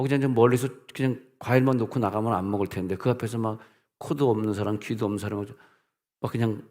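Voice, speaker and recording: A middle-aged male pastor preaching a sermon, his voice sitting fairly low. He tells stories in a playful way, slips into put-on dialect and breaks into sudden loud outbursts.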